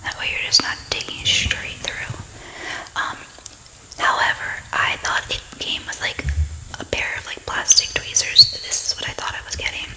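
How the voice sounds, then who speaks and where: A woman hosting an ASMR show-and-tell in a breathy, unvoiced whisper, chatting softly and ramblingly as her voice gives out. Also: rough recording. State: losing her voice, sore throat. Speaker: ASMR channel host.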